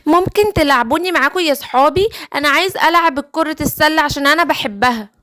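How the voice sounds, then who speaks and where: A woman's voice: high-pitched, quick pace, bright, forceful tone. A woman with an Egyptian accent voicing a small, weak male tiger cub who pleads to join in. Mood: pleading sad. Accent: Egyptian Arabic. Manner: pleading, sad.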